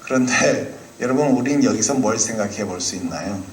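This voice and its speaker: A man's voice: fairly low pitch, moderate pace, echoey room, slight background noise. A male pastor preaching a sermon in a church, speaking animatedly and asking the congregation questions. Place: church hall.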